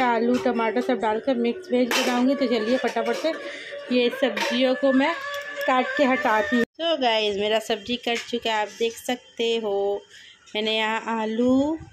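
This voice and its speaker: A woman's voice: fairly high pitch, background noise. Chatty mother vlogging at home. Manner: chatty, coaxing with her kids, laughs often. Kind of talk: casual home vlog chat.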